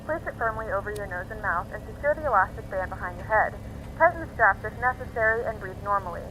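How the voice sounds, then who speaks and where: Rapid bright woman on a cabin PA. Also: medium pitch, a little hiss or hum, rough recording. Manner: formal, even, recited announcement delivery. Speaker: flight attendant. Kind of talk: scripted cabin safety announcement.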